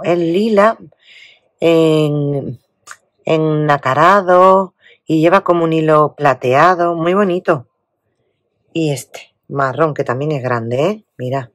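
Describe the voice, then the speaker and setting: A woman with a Spain Spanish accent chatting casually as she unboxes a craft parcel, exclaiming and often dropping to a hushed murmur. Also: sits low, no room sound. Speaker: craft vlogger.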